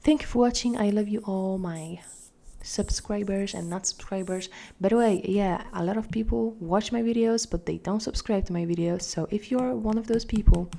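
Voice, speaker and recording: Gravelly, mellow Polish-accented woman. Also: mid-range voice, moderate pace. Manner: chatty, hesitant, repeats words, drifts into soft whispers. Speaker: art tutorial host. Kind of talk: casual drawing tutorial voice-over.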